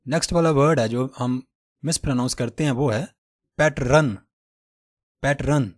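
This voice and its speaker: A man with a Pakistani accent teaching English pronunciation step by step, saying example words slowly and repeating them. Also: mid-range voice. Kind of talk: pronunciation lesson.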